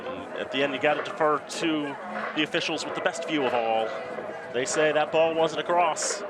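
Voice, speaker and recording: Male football play-by-play announcer for excited touchdown calls, slightly high voice, loud crowd and stadium noise. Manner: excited, drawn-out touchdown call. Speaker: play-by-play commentator. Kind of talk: live American football commentary. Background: crowd and loud outdoor ambient noise.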